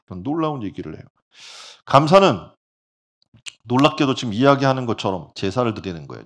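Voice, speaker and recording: A male pastor with a fairly low voice delivers an animated sermon. He frequently puts rhetorical questions to the congregation.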